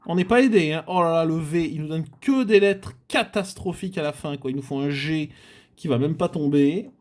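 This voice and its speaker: A man's voice: fairly high pitch, normal speed. Man muttering over scratch cards. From France. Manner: mutters, repeats letters aloud, frequent filler sounds. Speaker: scratch-card channel host. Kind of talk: casual running commentary while scratching tickets.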